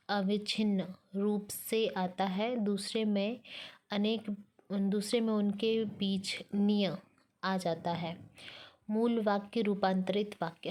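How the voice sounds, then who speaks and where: Slow, careful woman teaching Hindi grammar. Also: medium pitch, darkish tone. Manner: slow, careful dictation of each sentence, mixing in English words. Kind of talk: reading out and explaining a grammar lesson.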